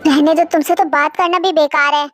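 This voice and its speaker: A woman voicing a sulking, sharp-tongued young wife in a fan audio drama, snapping back at her husband. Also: high voice, fairly even intonation, a little fast, faint music behind. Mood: sulky. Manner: sharp, scolding retorts.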